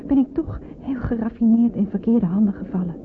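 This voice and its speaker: An actress plays an anxious, wary young woman in an old radio play, heard through a tinny, noisy recording over a train-like rumble. Her voice is close to an everyday one, and she speaks in a hushed, deliberate inner monologue with a brooding mood, as someone afraid of where she is being taken.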